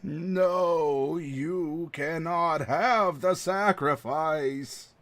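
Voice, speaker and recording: A man voicing an eerie insectoid fey creature, speaking in a slow, flat monotone. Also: a little high, full character voice. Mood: refusing.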